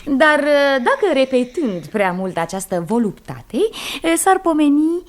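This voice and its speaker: A chatty, coquettish city wife in a 1970s radio comedy. Her high voice skips up and down, playful and talkative. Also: big pitch swings.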